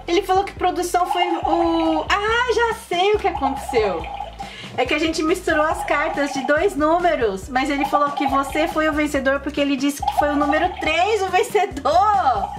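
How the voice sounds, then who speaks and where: High-pitched sing-song woman hosting for children. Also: moderate pace. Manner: bright sing-song, exclamatory delivery aimed at children. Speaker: host of a children's toy and game channel. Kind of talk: playful commentary for children while playing board games. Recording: music playing behind the voice. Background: music.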